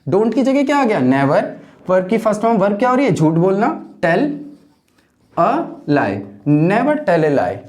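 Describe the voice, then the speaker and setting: A man's voice: high voice, sing-song. Man teaching grammar with rhetorical questions. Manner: poses rhetorical questions, slows down for example sentences. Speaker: English teacher. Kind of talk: grammar lesson.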